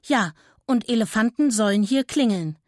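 Bright small storybook elephant, earnest and shy, woman reader voicing him, dry close sound. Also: a little high, animated, normal speed, dry recording, natural voice. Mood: hopeful. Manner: earnest, a bit anxious. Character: timid, hopeful little boy elephant. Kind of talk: storybook reading.

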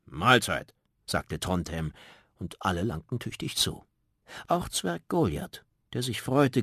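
A man reading a children's story aloud with lively storytelling, close to a studio mic. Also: deep voice, slightly rough, dry recording. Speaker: reader. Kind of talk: scripted children's story narration.

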